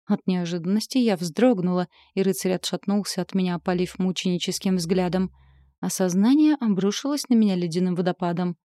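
A woman reading a first-person fantasy story aloud with a steady, even delivery. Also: lowish voice, fairly quick, dry recording, clean studio sound. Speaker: audiobook narrator.

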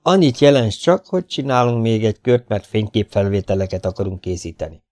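A man voicing a calm, commanding male spaceship captain in an audiobook, his voice raised and eager. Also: fairly low pitch, no echo, clean studio sound, close to an everyday voice.

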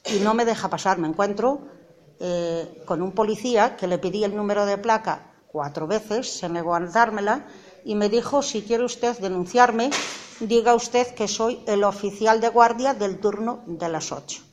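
A woman's voice: medium pitch, moderate pace. Middle-aged woman telling her story. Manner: earnest, acts out dialogue, rises to indignant outbursts. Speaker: mother giving testimony. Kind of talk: emotional personal testimony.

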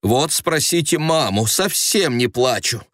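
A man's voice: medium pitch, animated, measured pace, a bit bright, no echo, clean studio sound, voice pushed up. A man voicing a furious, hysterical young woman who shrieks and rages, in a storybook reading. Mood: agitated. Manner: shrieking, frantic.

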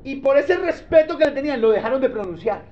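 A man's voice: very high-pitched, animated, quick pace, a little mellow. A male pastor, teaching a sermon in a conversational way and often checking that the congregation follows. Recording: dull lo-fi sermon recording.

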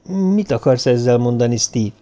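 A man's voice: medium pitch, animated, dark tone, natural voice. A man voicing a tired, indifferent woman in an audiobook, speaking in a raised, weary tone. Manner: weary, detached.

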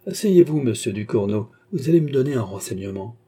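A man's voice: mid-range voice, expressive, a little fast, warm tone, husky. A man voicing a haughty, scheming male ambassador in a classic French audiobook, with an imperious, curt manner.

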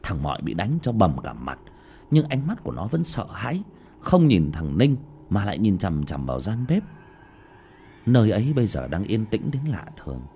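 A man's voice: huge pitch swings, moderate pace, dark tone, slight background noise. A man narrating a horror story in a dramatic, scripted way. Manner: dramatic, with sudden pitch swings. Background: faint music.

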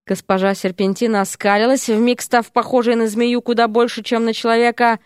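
A woman's voice: level tone, brisk, smooth, dry recording, studio quality. A woman reading a fantasy story aloud, giving each character its own voice. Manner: acts out characters with shifting pitch and pace. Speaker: audiobook narrator. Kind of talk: expressive audiobook reading.

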